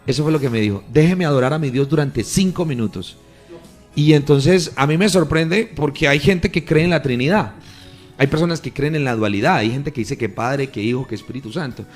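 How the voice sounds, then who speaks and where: A man, a pastor earnestly recounting a testimony on a radio program, his storytelling swelling louder at key moments. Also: medium pitch, fairly quick, soft background music. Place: radio studio.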